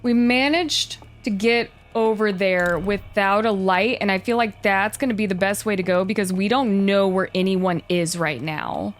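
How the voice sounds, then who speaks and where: A woman's voice: mid-range voice, normal speed, hardly any pauses. Curious woman narrating her gameplay. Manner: curious, thinking aloud, sometimes hushed. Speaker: let's-play host. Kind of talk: casual gameplay commentary. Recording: faint game music behind.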